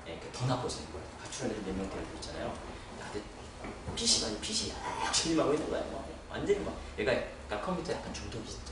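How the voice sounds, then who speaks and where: A male pastor tells a story from the pulpit, his pitch jumping up and down as he acts out each person's lines. He sounds distant from the mic in a very echoey church hall, with clear noise behind him. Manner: animated storyteller who acts out dialogue. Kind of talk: sermon testimony storytelling.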